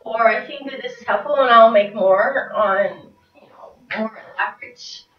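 Speaking at a moderate pace in a voice on the high side, a fitness vlogger in her thirties offers casual meal prep tips from her home kitchen. She rambles with many ums, moves around while talking, and is getting over a cold. The audio, from a camera across the room, sounds roomy, distant, and dull.

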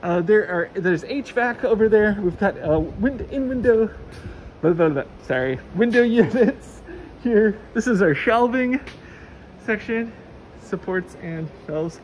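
Guiding viewers through a big warehouse, a woman talks casually and eagerly, using many fillers. Her medium-pitched voice is animated and darkish at a measured pace; she's recorded walking with a handheld phone camera amid warehouse noise.

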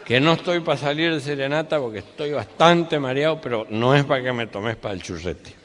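A man's voice: mid-range voice, normal speed, a bit bright, voice pushed down, natural voice. A man voicing a tipsy man who insists he is sober, speaking Spanish with an Argentine accent and protesting in a slurred, indignant way. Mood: indignant drunk. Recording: reverberant hall with faint noise.

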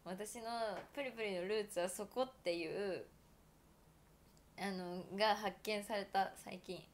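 A woman's voice: medium pitch, unhurried. A woman in her twenties from Toyama, chatting casually and giggling often as a livestream host, filling her talk with fillers. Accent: Toyama Japanese. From Japan (Toyama). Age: 20s. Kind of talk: casual solo livestream chat.

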